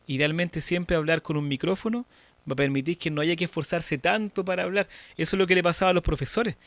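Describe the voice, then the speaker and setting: This man speaks in a fairly high voice with a Chilean accent. He teaches an online church class in a lively, demonstrative way and addresses his students directly. His voice sounds dry and close over a computer microphone. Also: fast, no echo. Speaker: church course instructor and moderator.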